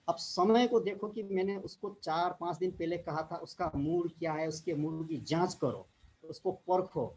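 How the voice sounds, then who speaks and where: A man giving an informal motivational talk as a direct-selling distributor, repeating himself, adding tag questions and often clearing his throat. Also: fairly high pitch, a little mellow, a little hiss or hum, rough recording.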